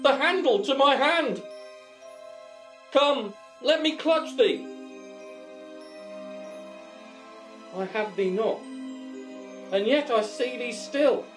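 A woman's voice: high-pitched, slow pace, long pauses, roomy sound, recorded from a distance, soft background music. A woman playing a nervous, henpecked Macbeth in a comic film, hesitant and whiny. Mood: dramatic.

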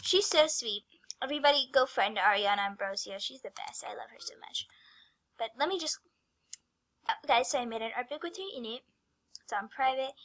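Chatty female vlogger, rather high voice. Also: brisk, fairly bright tone. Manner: rambling and chatty, often dropping to a whisper. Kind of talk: casual screen-recorded vlog.

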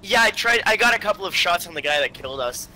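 A man giving casual gameplay commentary with a friend, excitable and shouting callouts. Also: high voice, fast talker, crowd noise. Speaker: co-op gaming partner.

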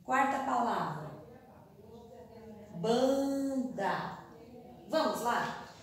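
Lady teacher sounding out words real slow, recorded from across a super echoey classroom. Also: a little high, lively intonation. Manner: slow, deliberate, stretches words syllable by syllable. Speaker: primary school teacher. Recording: very echoey room, voice far from mic.

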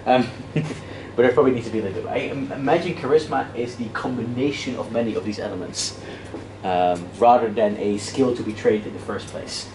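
This interactive lecture comes from a thirty-something man who grew up speaking Dutch, his mid-range voice moving a little fast. He teaches debate in a casual, self-deprecating way, full of fillers and false starts, while moving around a projector-equipped classroom. The far-off camera captures echo and background noise.

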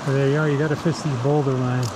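A man fishing a river, calmly explaining his approach and flies as he casts, filmed on a head-mounted camera outdoors. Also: mid-range voice. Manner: calm, explanatory, talking to himself between casts. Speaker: fly fishing angler. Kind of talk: casual narration while fishing. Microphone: head-mounted action camera. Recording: outdoor camera audio with loud river noise. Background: rushing stream water.

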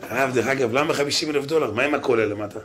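A rabbi's bright, forceful voice carries a humorous Torah lesson built from stories. He tells them as a lively storyteller, slipping in slangy street asides. His pitch sits in the ordinary middle for a man. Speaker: rabbi giving a lecture.

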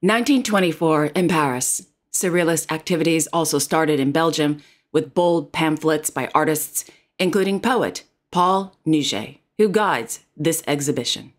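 Woman, royal news narrator, formal read, slightly low pitch. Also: unhurried. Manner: formal, reads titles and quotes carefully.

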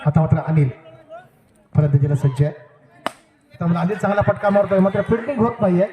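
A man giving live commentary on a local cricket match over an outdoor loudspeaker, joking and repeatedly asking the crowd to cooperate. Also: sits high, fast, roomy sound. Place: outdoor village cricket ground. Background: crowd at the ground.

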